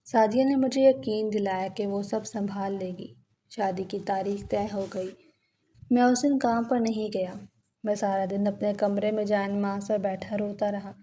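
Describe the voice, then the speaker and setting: A woman's voice: mid-range voice, steady tone, warm tone, slight background noise. A woman giving an earnest, emotional scripted narration of a first-person moral story.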